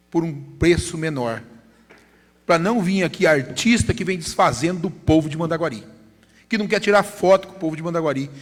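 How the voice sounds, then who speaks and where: A man's voice: fairly high pitch, breathy edge. A man with a Brazilian accent from Paraná, the council president making an insistent, repetitive formal statement. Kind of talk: formal public-hearing speech. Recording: reverberant council chamber PA.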